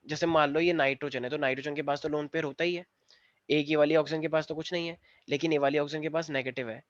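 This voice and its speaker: A man's voice: fairly high pitch, no echo. A man teaching chemistry to a class in a playful, teasing way, mixing English terms into his explanations. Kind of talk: classroom lecture. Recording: dull, slightly lo-fi dry sound.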